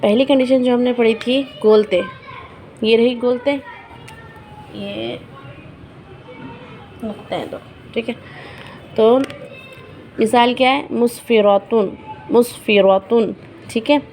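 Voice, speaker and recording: A woman teaching Quran recitation rules in a patient lesson. She repeats each example word slowly and checks in her learners often. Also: on the high side, fairly even intonation, darkish tone, slight background noise.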